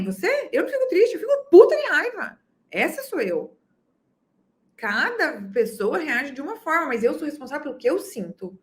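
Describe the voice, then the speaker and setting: A woman teaching a course for parents, talking earnestly and directly to listeners and acting out parents' voices. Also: high voice. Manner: animated, often acts out parents' voices. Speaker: parenting educator. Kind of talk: online course talk.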